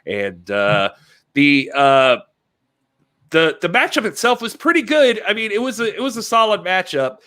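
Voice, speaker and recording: Bright-voiced man co-hosting a podcast. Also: sits high, very animated, moderate pace. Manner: joking, conversational, reads chat messages aloud. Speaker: podcast co-host. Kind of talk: casual chat.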